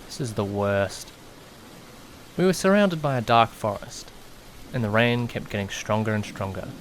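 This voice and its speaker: A man performs an anxious, easily panicked young man narrating his own misadventure in first person in an audio drama, with acted dialogue. He sounds alarmed, dramatic and self-questioning, in a lightly acted, lowish voice at moderate pace. Slight background noise is present.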